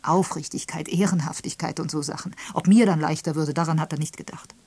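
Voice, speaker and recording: A woman's voice: on the low side, fairly even intonation, normal speed, a little mellow, breathy edge, no room sound. Woman voicing a bitter, cutting older wife. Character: bitter middle-aged wife, cutting and frank. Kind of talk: audiobook character reading.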